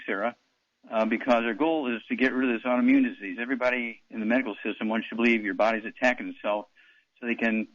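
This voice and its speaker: A man's voice: medium pitch, dry recording, lo-fi sound. Blunt male radio call-in host. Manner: blunt, dismissive, interrupting. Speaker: radio talk show host.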